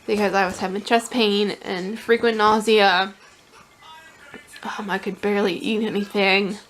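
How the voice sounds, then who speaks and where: A woman's voice: medium pitch, a bit bright, a little hiss or hum. A young woman telling a vlog audience about a stressful day at work, emotional and rambling, close to tears. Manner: emotional, tearful, rambling with restarts. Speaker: vlogger. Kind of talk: casual confessional vlog.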